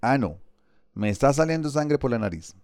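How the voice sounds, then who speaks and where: A man's voice: mid-range voice, expressive, normal speed, darkish tone, smooth, no room sound, clean studio sound, lightly acted. A man reading a storybook, voicing a hungry, beaten-up poor schoolboy with a plaintive, self-pitying manner.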